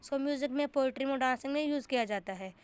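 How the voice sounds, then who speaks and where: A young woman teaching exam questions in a relaxed, explanatory way. Her voice sits high and sounds smooth and clear. She repeats herself and restarts phrases as she works through each point, slipping English terms into her talk. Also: quick pace, no room sound. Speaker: exam tutor. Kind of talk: casual explanatory lesson.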